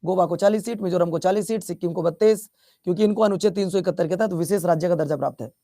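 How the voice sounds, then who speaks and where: A man's voice: high-pitched, very fast, warm tone, no room sound, studio quality. A male teacher from Bihar giving a chatty classroom lecture, repeating his questions and teasing students as he scolds them. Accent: Bihar Hindi.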